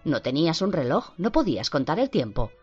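Un interrogador sereno que indaga con suavidad, puesto por una mujer de voz baja. La grabación suena sorda y de baja fidelidad. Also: female voice, sits low, brisk, breathy edge, full character voice. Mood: calm. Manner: calm, gently probing questions. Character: calm, patient male interrogator. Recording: dull lo-fi with faint music.

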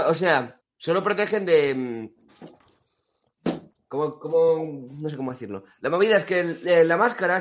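Man, Castilian Spanish accent, fast talker, fairly high voice, casual banter, crude joking manner. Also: a bit bright. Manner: foul-mouthed, joking. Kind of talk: casual chat.

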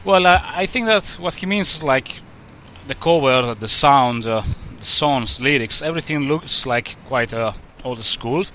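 A man from the Basque Country with a Basque accent, conducting a casual interview in a halting, informal way, searching for words. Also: medium pitch, bright, forceful tone, a little hiss or hum. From Basque Country, Spain.

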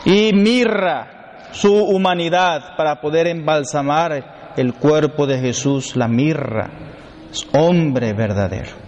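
Speaking slowly in a slightly high, darkish voice, this man is a priest preaching through insistent repeated lists with funny anecdotes mixed in. Long hall reverb and a faint hum of background noise surround him.

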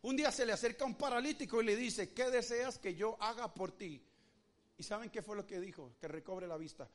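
High-voiced preaching pastor with a Rioplatense accent. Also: male voice, a little fast. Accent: Rioplatense Spanish. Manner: preaches with sweeping pitch swings, acts out quoted voices. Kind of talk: sermon.

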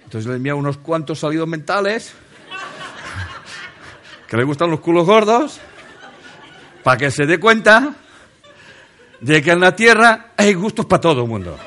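A man's voice: a little high, sharp tone, a little hiss or hum. A man giving a humorous motivational talk on a stage, joking with the audience, questioning them directly and laughing often. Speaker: motivational speaker. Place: stage under a spotlight before a seated audience.

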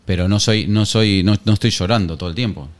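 A man's voice: lowish voice, a little fast. A man joining a casual chat, giving brief laid-back answers. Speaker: guest co-host.

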